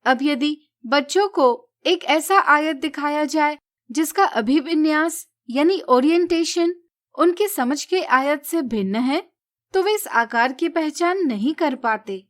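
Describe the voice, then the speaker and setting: A woman teacher giving a measured, scripted lesson narration. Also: high-pitched, animated. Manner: measured, explanatory.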